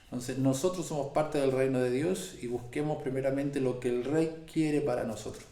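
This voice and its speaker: Earnest pastor in an echoey room. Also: male voice, mid-range voice, warm tone. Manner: earnest, slows and stresses key phrases when quoting scripture. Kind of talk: Bible study conversation.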